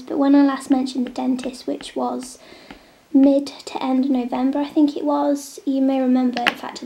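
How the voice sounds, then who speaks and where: Drawing on a tablet at a table at home, a young vlogger with a snotty head cold chats casually, sometimes dropping to a soft near-whisper before returning to normal talk. Her high voice is level and mellow with a gravelly vocal fry. The camera sits on the table.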